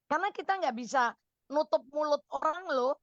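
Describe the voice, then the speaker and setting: A woman counselor on a radio call-in show, giving motherly advice in a lively, caring way. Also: high voice, normal speed, no echo, muffled recording.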